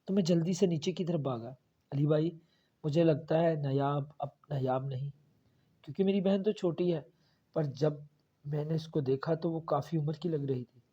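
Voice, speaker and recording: A man's voice: fairly high pitch, warm tone, husky. A man narrating a first-person horror story in a dramatic, tense storytelling manner, on a dull lo-fi recording. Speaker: audiobook narrator. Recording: dull lo-fi audio.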